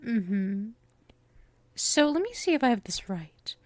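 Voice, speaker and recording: A woman voices a sweet, possessive young witch, speaking high and unhurried in a very close, dry recording with no room sound. Coy, teasing, and very animated with a slightly mellow quality, she dotes on the listener in an intimate, theatrical ASMR roleplay. The mood is soothing and tender.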